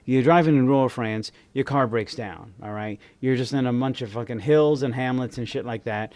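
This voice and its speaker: Dude on a podcast, rambling, swears a lot, keeps restarting. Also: male voice, medium pitch, normal speed, darkish tone. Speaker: podcast co-host. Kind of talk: casual chat.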